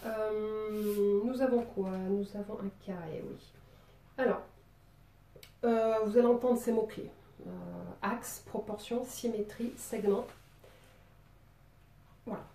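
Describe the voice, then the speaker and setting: A playful woman with a southern French, Marseille accent talks through a drawing tutorial in a loose, chatty way, with plenty of little fillers. Her voice is dark and mellow, and it sits a bit away from the mic in a roomy, echoey space. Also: a little high, distant mic, slight background noise. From Marseille, southern France. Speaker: drawing teacher.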